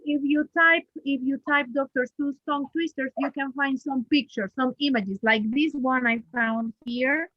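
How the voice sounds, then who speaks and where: A woman's voice: high-pitched, fairly even intonation, moderate pace, few pauses, no room sound, muffled recording. Venezuelan woman on a video call. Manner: warm, grateful, talks with fillers and restarts. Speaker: webinar presenter. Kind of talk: casual online chat.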